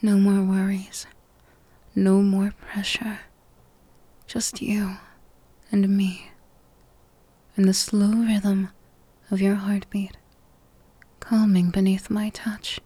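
Close-miked and whispering, an ASMR performer moves slowly through a soothing comfort roleplay. Her medium-pitched voice is breathy, mellow, and level. The dry recording has no room around it.

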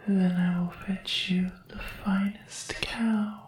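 Woman doing a formal servant girl from another world, whispering, real slow, roomy echo, a bit off mic. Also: mid-range voice, fairly even intonation, a little mellow, distant mic, close to an everyday voice. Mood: devoted whisper. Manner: whispering, hesitant, formal and deferential. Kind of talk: whispered ASMR roleplay.

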